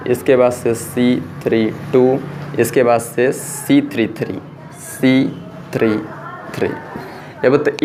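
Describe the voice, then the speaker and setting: A man's voice: medium pitch, darkish tone, slight background noise. A man teaching a blackboard math lesson. He talks patiently, repeating each step and urging listeners to pay attention.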